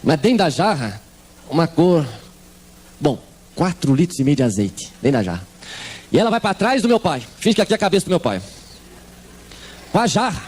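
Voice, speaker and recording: A man's voice: on the high side, moderate pace, pauses often, a little hiss or hum. A man with a Brazilian Portuguese accent preaching a comic testimony sermon, acting out the voices in his story. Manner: animated storytelling, acts out voices.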